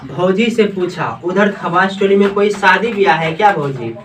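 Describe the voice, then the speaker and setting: A man's voice: high voice, lively intonation, moderate pace, fairly bright tone, slight background noise. A male teacher, reading a story aloud in a classroom and quizzing his students as he goes. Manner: reads aloud then quizzes students with questions. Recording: distant classroom recording.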